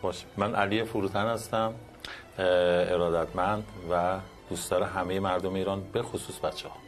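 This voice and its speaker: Low-voiced male actor guest, halting and hesitant. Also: steady tone, soft background music. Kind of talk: conversational interview answers.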